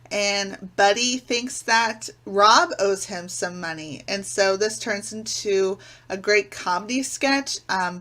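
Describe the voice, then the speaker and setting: A woman's voice: medium pitch, pushed and bright. A woman hosting a YouTube video, presenting an enthusiastic countdown review. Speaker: YouTube host. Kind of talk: scripted countdown review to camera.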